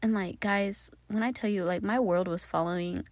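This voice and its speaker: A woman's voice: mid-range voice, normal speed, dry recording. A woman in her thirties telling her life story casually to camera, candid and swearing freely as she talks straight to viewers. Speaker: vlogger.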